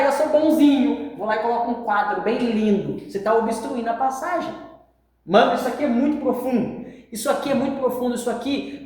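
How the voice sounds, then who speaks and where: A woman's voice: a little high, a little mellow. A woman with a Brazilian accent teaching from the Bible in an informal, emphatic way, using slang and repeating her points. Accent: Brazilian Portuguese. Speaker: preacher. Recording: very echoey room.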